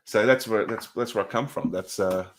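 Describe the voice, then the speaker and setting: A man's voice: lowish voice, normal speed, a little hiss or hum. A man with an Australian accent co-hosting a live stream, laid-back and joking, often trailing off mid-thought. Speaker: stream co-host. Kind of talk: casual live-stream chat.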